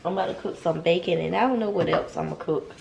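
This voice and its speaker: A young North Carolina mom with a Southern accent vlogs from her home kitchen, chatting casually to viewers with a stuffy nose. Her voice is lowish and creaky, she talks fast, and she rambles and often repeats herself. A crowd can be heard in the background.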